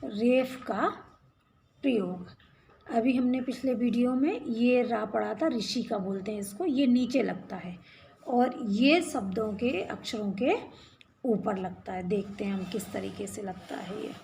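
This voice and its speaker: Woman, reading teacher, slow deliberate pace, patient, repeats words, asks checking questions. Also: fairly high pitch, creaky, a little mellow, a little hiss or hum. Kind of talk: slow children's reading lesson.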